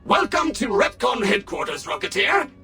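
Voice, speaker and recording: Game robot guide: male, too-smooth android voice, high and bright, eager to serve, over faint music. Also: sing-song, moderate pace, exaggerated voice. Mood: cheerful guide. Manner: polished, sing-song, eager-to-serve delivery. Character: smooth, overly courteous male service robot.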